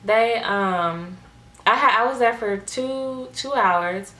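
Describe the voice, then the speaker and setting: A young woman vlogger talks casually to viewers, chatty and full of "like" fillers. Her fairly high voice is slow, bright, and forceful, recorded in an echoey room with faint noise.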